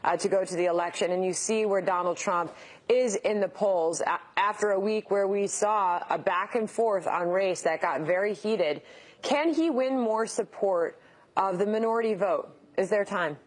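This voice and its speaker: A woman co-hosting a morning show, asking brisk, chatty questions. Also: medium pitch. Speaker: co-host.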